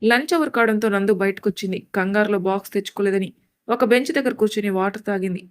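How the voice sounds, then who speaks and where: A woman storyteller giving steady scripted narration of a serialized story. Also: mid-range voice, quick pace.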